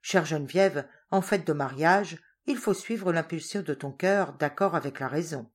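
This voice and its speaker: A woman reading the part of a gentle, reassuring young man in a storybook. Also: sits low, normal speed, husky. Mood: tender. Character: young man, gentle loving childhood friend.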